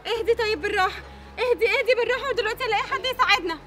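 A woman's voice: extremely high pitch, very fast, pushed and bright, soft background music. A woman with an Egyptian accent playing a kind stranger who pleads for help and soothes a child in a family skit, recorded outdoors. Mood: worried, soothing. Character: kind woman stranger, worried then indignant. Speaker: passerby helping a locked-in child.

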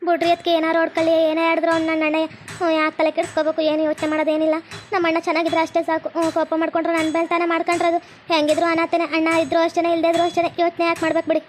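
A woman's voice: very high voice, monotone, very fast, slight background noise. A woman voicing a grieving young sister in a cartoon, pleading in a North Karnataka Kannada accent. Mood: plaintive. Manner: plaintive, pleading. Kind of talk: cartoon voice acting.

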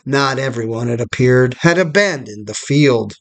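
A man reading a scripted history documentary narration in a measured storytelling manner. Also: mid-range voice, lively intonation.

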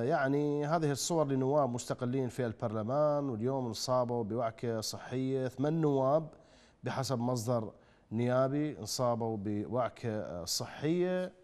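An Iraqi man hosting a live call-in talk show, moving briskly between callers and news items. His voice sits at a middle pitch, and a long reverb trails behind it. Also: a little mellow. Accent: Iraqi Arabic. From Iraq. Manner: brisk, hesitant with frequent fillers when reading.

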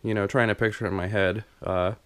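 Speaking at a quick pace, a young DIY vlogger rambles through his unfinished basement renovation with many ums and restarts, filmed on a handheld camera mic as he walks. His lowish voice is a bit bright, clear and resonant, with fairly even intonation. No room sound comes through.

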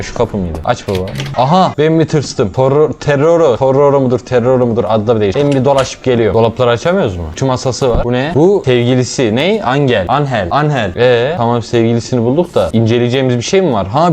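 Fast-talking joking young man gaming. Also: mid-range voice, darkish tone. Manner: jokey, swears a lot, talks to chat. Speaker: streamer playing a girlfriend simulator game. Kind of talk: casual let's-play commentary.

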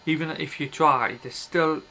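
Rambling casually into his webcam, a video blogger in his thirties speaks from a small bedroom with red curtains, blunt and offhand, frequently breaking off mid-thought. His fairly high voice is a little slow and sharp in tone, yet steady. The webcam's built-in mic gives poor audio carrying a little hiss or hum.

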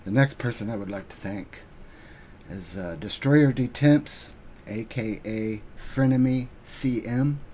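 A man giving an earnest, halting thank-you speech on his live stream, pausing often with ums. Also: fairly low pitch, darkish tone, a little hiss or hum. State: getting emotional.

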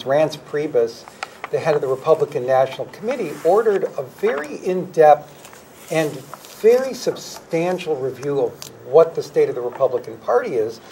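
A man speaking as a historian guest on a talk show, explaining in a measured, articulate way. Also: a little high, mellow, slight background noise. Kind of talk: explanatory interview answers.

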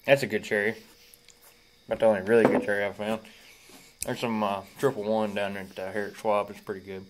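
A man's voice: on the low side, little pitch movement, brisk, a little hiss or hum, low-quality recording. A young man in his twenties with a Kentucky Southern accent, rambling casually through a review in a laid-back, folksy way, at times talking with a pipe in his mouth. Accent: Kentucky Southern American. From Kentucky, United States. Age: 20s. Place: small room indoors. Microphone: phone at arm's length.

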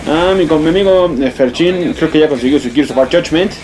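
A young man with a Mexican accent giving excitable, swear-filled let's play commentary, yelping and exclaiming as he plays. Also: a little high, brisk, a little hiss or hum. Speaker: gamer.

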